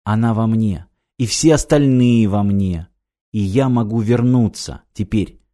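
A man reading the lines of a determined young woman in an audiobook, brisk and earnest. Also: fairly low pitch, mellow, close to an everyday voice.

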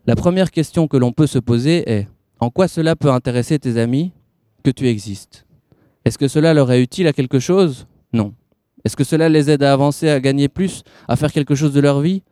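A man putting on a cold, smooth man in grey. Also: mid-range voice, fairly quick, dark tone, no room sound, studio quality, voice pushed up, close to an everyday voice. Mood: lecturing. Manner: persuasive, pushy, icy under a sweet tone. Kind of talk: reading a novel aloud.

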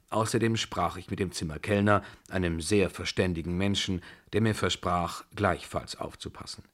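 Low-voiced man reading a novel aloud. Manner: measured, expressive storytelling. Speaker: reader.

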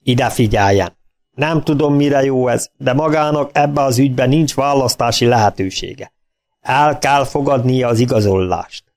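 A man's voice: mid-range voice, a little mellow, natural voice. A man voicing a big, rich, self-assured father who blusters and bullies, in a storybook reading. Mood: domineering. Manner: domineering, blustering.

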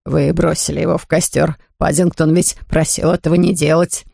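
A woman voicing a kindly older man who speaks gently with a chuckle in his voice. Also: sits low, little pitch movement, moderate pace, creaky, no room sound, clean studio sound, heavily acted. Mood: amused.

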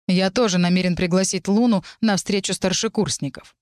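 A woman voicing a young male necromancer who speaks low, restrained and cutting. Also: fairly even intonation, normal speed, a little mellow, no room sound, studio quality, natural voice. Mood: restrained, cold. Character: tense young male necromancer, cool and defiant.

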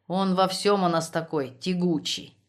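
A woman voicing a drunk, boastful male army officer who talks loudly and blusters. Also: on the low side, steady tone, a little slow, lightly acted. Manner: loud, blustering, slurred bragging.

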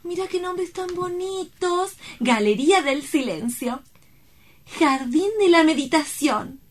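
In an audio drama, a woman plays an exuberant young woman in love, effusive, playful and full of exclamations. Her high-pitched voice has lively intonation and takes its time. The theatrical performance feels gushing and playful.

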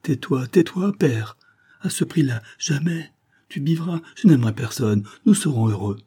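A man reading the lines of a young woman, a tender and frightened daughter, in a pleading, softly emotional way. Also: lowish voice, fairly even intonation, normal speed, breathy edge. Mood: tender, anxious.

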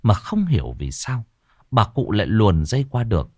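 Male audiobook narrator, low and animated, dry read. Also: normal speed, dry recording. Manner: expressive storytelling. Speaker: storyteller.

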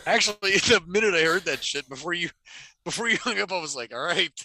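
Guy cracking crude jokes on a prank call show, bright sharp voice, swings his pitch all over, swears a lot, dry close sound. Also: lively intonation, quick pace, no room sound, rough recording. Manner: crude, jokey, swears freely, bursts into silly voices. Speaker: co-host. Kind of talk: loose comedic banter on a prank-call show.

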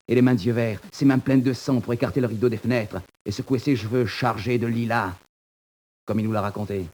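A man playing husky young inmate Maurice. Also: mid-range voice, steady tone, a little fast, darkish tone, close to an everyday voice. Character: young male prisoner, jealous and loyal. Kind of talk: 1940s radio acting.

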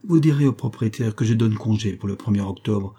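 A man's voice: fairly low pitch, fairly quick, dark tone, slightly rough. A man reading an audiobook, voicing a cynical young social climber who speaks coolly and dismissively. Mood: cold. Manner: cool, dismissive. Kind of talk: audiobook character voice.

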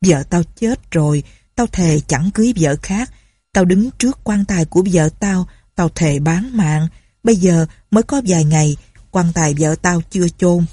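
A woman's voice: on the low side, normal speed, dark tone, slightly rough, no room sound. A woman reading a storybook aloud voices a drunk, grief-stricken young man who rants bitterly about his dead wife. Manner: slurred drunken ranting.

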